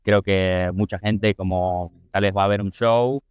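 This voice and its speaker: A man's voice: deep voice, fairly even intonation, unhurried, clear, resonant tone, no echo, dull audio. A man, a comedian talking in an interview, thoughtful and full of fillers and restarts. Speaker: guest comedian. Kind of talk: casual interview talk.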